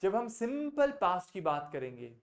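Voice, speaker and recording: A man's voice: high voice, very animated, moderate pace. A male English teacher with an Indian accent runs an online class over a video call. He patiently puts questions to his students by name and switches between Hindi and English as he explains.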